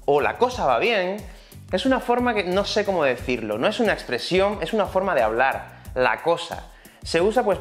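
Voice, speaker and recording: A man with a Spain Spanish accent teaching an online Spanish lesson in a chatty, explanatory way. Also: a little high. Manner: chatty, explanatory, many fillers.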